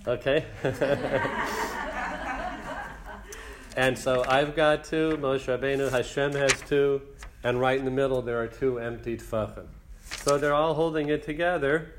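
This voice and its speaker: Male teacher, mid-pitched, unhurried explaining, faint hiss behind. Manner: explains slowly, translating and counting lines aloud. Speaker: Torah class teacher. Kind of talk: teaching a text class.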